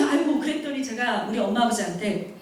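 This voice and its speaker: A woman missionary preaches a sermon full of personal stories, acting out the voices of people she quotes. Her high, lively voice is animated and fairly quick. The mic is far off in a very echoey hall.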